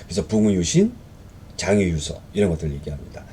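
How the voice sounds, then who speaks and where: A man's voice: low-pitched, big pitch swings, fast talker, mellow, slight background noise. A man teaching a history exam-prep lecture in a conversational way, reading questions aloud and explaining them with fillers and rhetorical questions.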